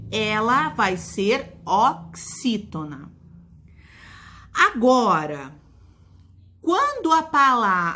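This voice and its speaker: Bright-voiced Brazilian teacher woman. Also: mid-range voice. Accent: Brazilian Portuguese. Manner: slow, drawn-out stressing of syllables for children. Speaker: primary school teacher. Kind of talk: recorded lesson for young children.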